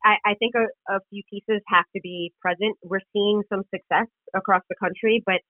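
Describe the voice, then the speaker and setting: A woman comes through a narrow, phone-like line with very little room sound. Her pitch is middling for a woman. She speaks earnestly and deliberately, answering like an interview guest who explains things through lists and personal stories. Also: steady tone, no room sound. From Queens, New York City. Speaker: interview guest, political candidate and public defender. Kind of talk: conversational interview answers, storytelling.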